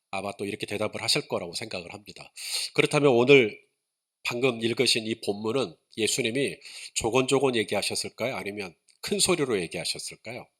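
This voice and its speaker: Bright-voiced Korean pastor, lively preaching. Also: male voice, medium pitch. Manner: conversational, asks the congregation questions, rises to emphatic preaching. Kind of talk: sermon.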